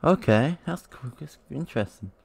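A man's voice: medium pitch, lively intonation, normal speed, creaky, darkish tone. A man giving casual let's play commentary, chatty and prone to swearing. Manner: chatty, swears and laughs often. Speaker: gamer.

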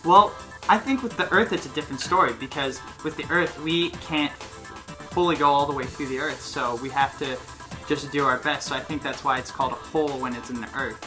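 A young adult man with a medium-pitched voice talks fairly quickly as a co-host of a video, arguing his points in a casual, playful debate. He sits on a sofa in a small living room, with music in the background.

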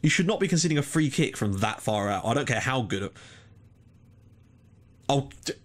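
A young Englishman talks through his football management save in a loose, chatty way, breaking into sudden exclamations at the action. His voice sits at an ordinary middle pitch, and his talk is casual and unscripted, the kind of running commentary a gaming channel host gives his viewers. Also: moderate pace. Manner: animated, swears, exclaims at the game. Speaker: gaming YouTuber.

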